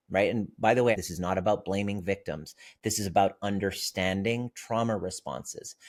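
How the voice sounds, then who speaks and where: Man, fairly low voice, therapist guest, podcast interview, explanatory, storytelling. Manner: explanatory, vivid storytelling with examples.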